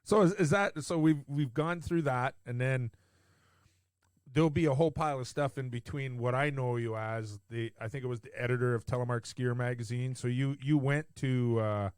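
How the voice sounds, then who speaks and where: A male podcast host asks a question in a casual, halting way, pausing with "uh" as he hunts for a word. His voice sits at a middle pitch. The sound is dry. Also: smooth, dry recording. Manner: hesitant, searching for words with "uh". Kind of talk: casual interview.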